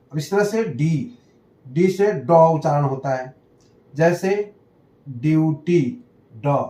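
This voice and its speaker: Man teaching, high voice, slow, repeats each word, mellow tone, echoey room. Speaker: English teacher. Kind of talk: explaining a lesson.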